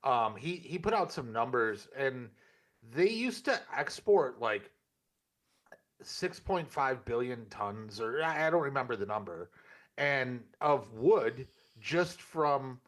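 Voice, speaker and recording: An American man chatting casually in a discussion, with a measured, halting conversational delivery. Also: mid-range voice, lively intonation, a bit bright.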